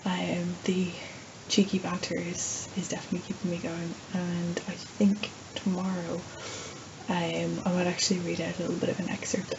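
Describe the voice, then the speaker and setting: Irish woman, casual video diary, very soft mellow tone, self-deprecating, dull lo-fi sound, faint noise behind. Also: fairly low pitch, gravelly. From Ireland. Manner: rambling, self-deprecating, playful. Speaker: vlogger and writer.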